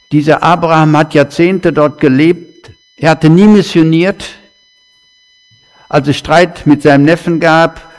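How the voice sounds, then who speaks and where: A man preaching a sermon in a slow, conversational way, with chatty asides to the congregation. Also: on the high side, a little mellow. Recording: long hall reverb.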